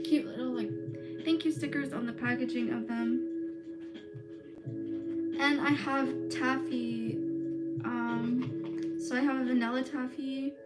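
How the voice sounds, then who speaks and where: A young woman talks unhurriedly in a slightly high voice, chatty and relaxed, with "like" and "um" in nearly every phrase. Loud music plays underneath everything she says. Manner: chatty and relaxed, with many "like" and "um" fillers. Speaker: crochet vlogger. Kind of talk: casual chat, reading live comments.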